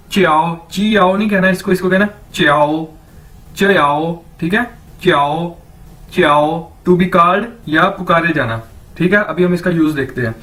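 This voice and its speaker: A man's voice: high voice, fairly bright tone, far from the mic, low-quality recording. A man teaching a language lesson, saying each word several times and checking in with the listener. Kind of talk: slow instructional lecture with repetition drills.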